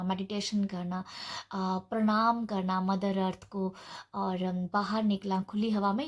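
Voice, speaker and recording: A woman giving a casual pick-a-card tarot reading, gentle and reassuring, thinking aloud with soft fillers. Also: mid-range voice. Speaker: tarot reader.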